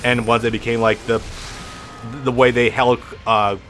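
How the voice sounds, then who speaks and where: A man's voice: medium pitch, little pitch movement, moderate pace, a bit bright, faint music behind. A man with a lisp giving casual, rambling gameplay commentary as a let's play host, swearing freely and restarting his sentences often. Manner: rambling, profane, frequent restarts.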